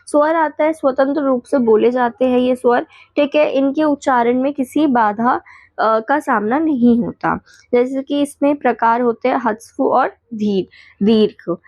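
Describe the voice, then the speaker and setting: A woman teacher going quickly through exam revision points, listing definitions and checking in with the class as she goes. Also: high voice, a little mellow, no echo.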